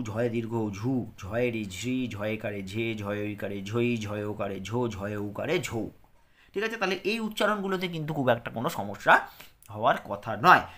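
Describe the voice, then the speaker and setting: A man with a bright, forceful voice runs a patient pronunciation lesson. He drills syllable after syllable and keeps asking whether his students are following. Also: mid-range voice. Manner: patient, drilling syllables with frequent check-ins. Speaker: teacher.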